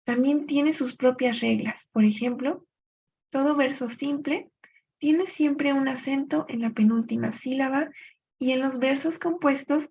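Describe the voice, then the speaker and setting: A woman teaching a recorded literature lesson, explaining step by step and pausing to think aloud for examples. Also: high-pitched, a little mellow. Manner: clear explanatory pace with thinking-aloud pauses. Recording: dull lo-fi recording.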